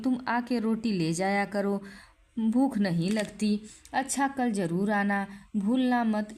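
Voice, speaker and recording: A woman narrating a short story aloud in a calm, measured reading. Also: fairly high pitch, a little hiss or hum.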